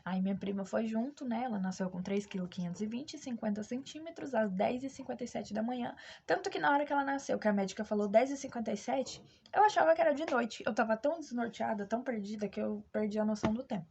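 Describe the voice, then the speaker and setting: A woman's voice: on the high side, fast, gravelly, a little mellow, a little hiss or hum. A young woman with a Brazilian Portuguese accent, candidly telling a personal story to her vlog audience and acting out the people she quotes. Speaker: vlogger. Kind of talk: casual storytelling to camera. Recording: dull lo-fi recording.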